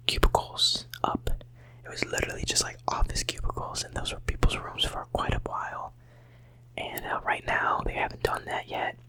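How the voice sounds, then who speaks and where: An ASMR creator in their late teens whispers at home into a close mic, sounding a little sick and hoarse. They ramble casually and softly repeat words, and the recording is rough.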